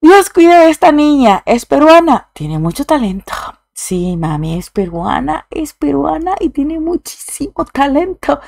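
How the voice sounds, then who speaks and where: Effusive higher-voiced woman reacting on video. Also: sing-song, measured pace, gravelly, a little mellow, no room sound, clean studio sound. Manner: effusive, reads viewer comments aloud; slips English exclamations into her talk. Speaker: YouTube reaction host. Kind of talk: casual reaction commentary.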